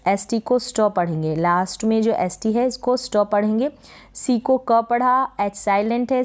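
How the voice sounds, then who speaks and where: A woman giving a spelling and pronunciation lesson in a smooth, clear voice at a middle pitch. She speaks patiently, repeating each word and posing questions to the learner before answering them herself. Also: darkish tone. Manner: patient, repeats words and asks rhetorical questions. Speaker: English teacher.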